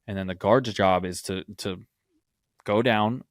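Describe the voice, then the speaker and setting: A man's voice: on the low side, unhurried, dry recording, clean studio sound. A man co-hosting a football podcast, explaining plays from game film and often checking in with "right?". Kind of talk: film breakdown.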